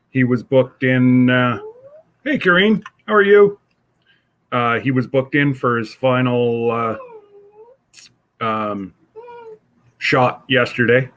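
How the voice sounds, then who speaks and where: A congested middle-aged man hosting a livestream from home, chatting casually in a slow, rambling way with many fillers. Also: medium pitch, a bit bright. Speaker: livestream host.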